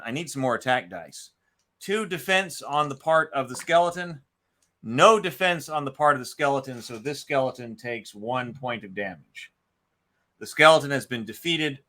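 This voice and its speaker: A sharp tone marks this man's mid-range voice as he hosts a solo board game session. He narrates his moves and tallies dice in a relaxed, think-aloud play-by-play.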